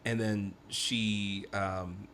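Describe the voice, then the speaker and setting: A man's voice: fairly low pitch, little pitch movement, drawn-out words, fairly bright tone, a little hiss or hum. A man co-hosting a casual book-discussion podcast, chatty and giggly. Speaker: podcast co-host.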